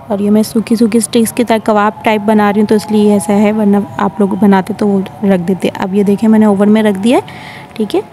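A woman's voice: mid-range voice, little pitch movement, a little fast, dark tone, a little hiss or hum. A woman hosting a home cooking tutorial, talking viewers through each step in a chatty way and often checking in with "theek hai". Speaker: cooking channel host. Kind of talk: recipe tutorial voice-over.

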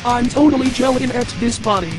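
A man's voice: extremely high pitch, brisk, music in the background. Quirky, formal droid computer done by a man. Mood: curious. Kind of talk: animated fan drama acting.

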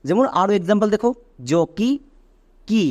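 A man teaching English pronunciation in an online phonics lesson, patiently spelling words out letter by letter and checking with quick questions. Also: high voice.

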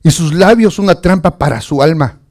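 Male preacher, slightly high and gravelly, lively and chatty with the congregation. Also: normal speed. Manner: animated, chuckling, addresses listeners as brother. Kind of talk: lively Spanish sermon.

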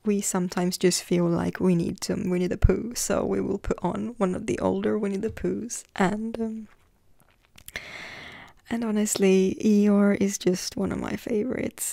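A woman hosting a tarot deck flip-through at home, talking softly in a half-whisper and gushing over the cute cards. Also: mid-range voice, gravelly, dry recording, clean studio sound. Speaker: tarot channel host.

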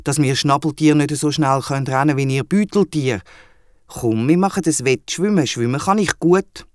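A man's voice: fairly high pitch, moderate pace, no echo, studio quality, natural voice. A man with a Swiss German accent voicing a dreamy, not very clever male platypus in a children's audio drama. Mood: reasoning. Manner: dreamy, boastful and slightly naive.

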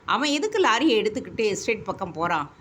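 A woman voicing a wealthy young man who fires off sharp, commanding questions. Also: mid-range voice, big pitch swings, fairly quick, slight background noise, voice pushed up. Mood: demanding. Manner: brusque, demanding questions.

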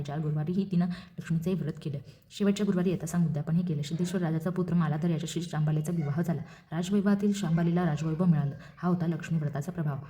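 A woman reads a devotional folk tale in a quick, rhythmic recitation. Her voice sits low and dark, and she keeps up a fast, steady pace from line to line. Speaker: storyteller. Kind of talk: devotional story reading.

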